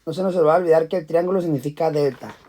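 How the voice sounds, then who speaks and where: Man, physics teacher, casual lecture, fairly high voice, repeats words while explaining. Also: very fast, warm tone.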